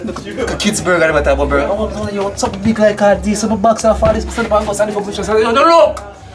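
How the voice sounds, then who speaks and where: Jamaican guy cooking and bantering, animated, says stuff over and over, loud music behind him. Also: high voice, racing. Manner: animated, repeats phrases. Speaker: cook on a cooking vlog. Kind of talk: casual banter while cooking.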